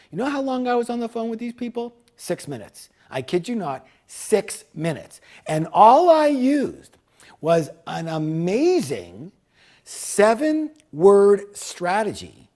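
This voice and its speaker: A man delivering an energetic sales pitch for a course. His voice sits a touch high and swings widely up and down as he leans hard on key words, often repeating them for emphasis. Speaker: seminar speaker selling a business course.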